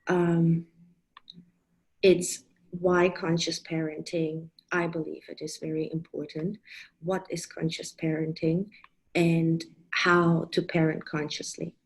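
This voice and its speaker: A woman's voice: on the low side, a little mellow, rough recording. A woman in her thirties who grew up in Germany, giving an online talk on parenting to fellow coaches, thoughtful, with frequent fillers and restarts. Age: 30s.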